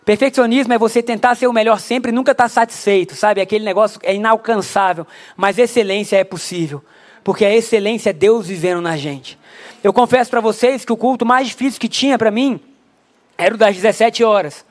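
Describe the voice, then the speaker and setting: A man's voice: sits high, a little fast. A young adult man preaching a conversational sermon in a church, with frequent rhetorical asides to the congregation. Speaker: pastor.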